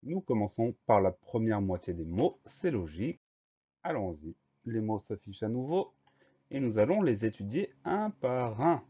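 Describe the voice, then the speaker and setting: A man teaching a spelling lesson, spelling words out slowly, letter by letter. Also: lowish voice, big pitch swings, warm tone, breathy edge. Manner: slow, careful letter-by-letter spelling. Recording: dull lo-fi recording.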